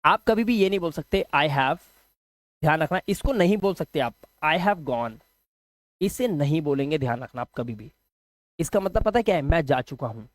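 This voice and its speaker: A man with a Hindi accent teaching an English grammar lesson, lively and joking, firing rhetorical questions at his students. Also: a little high, normal speed, dry recording.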